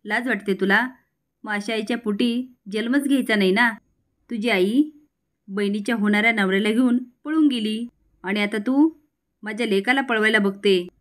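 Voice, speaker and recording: A woman's voice: medium pitch, normal speed, a bit bright, natural voice. A woman voicing a bitter middle-aged aunt who taunts and scolds harshly in a storybook retelling. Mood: taunting.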